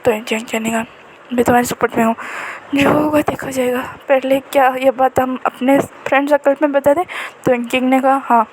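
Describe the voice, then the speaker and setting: A woman's voice: sits high, fairly even intonation, fairly quick, slight background noise, rough recording. A woman casually narrating a fan-fiction romance story in a chatty, conversational way.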